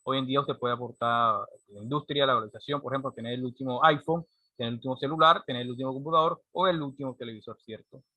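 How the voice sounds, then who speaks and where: This male teacher talks fast in a medium-pitched voice that sounds pushed and bright, captured in a dry recording. He delivers an explanatory classroom lecture, frequently checking in with a rhetorical "¿cierto?"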